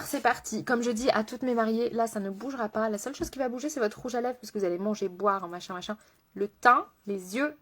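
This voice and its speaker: A woman makeup artist chatting casually on a live stream, laughing often and answering viewers by name as she works. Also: on the high side. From France.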